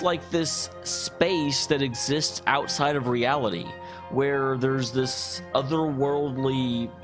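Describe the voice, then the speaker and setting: A man hosting a let's play, giving casual, rambling gaming commentary with speculative and self-deprecating asides. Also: mid-range voice. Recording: faint game music behind.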